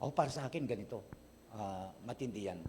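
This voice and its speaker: A man's voice: fast talker, a little hiss or hum. A Filipino man preaching a sermon as pastor, often asking the congregation questions and answering them himself. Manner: addresses the congregation often, asks questions and gives its replies; rises from quiet, low delivery to loud, high, emphatic preaching. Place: church service.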